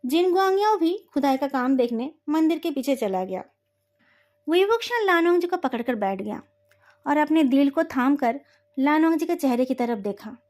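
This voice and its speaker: A woman with a high voice narrates a novel retelling. She reads in a steady storytelling manner, carrying the plot along line by line. The voice stays high throughout. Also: moderate pace.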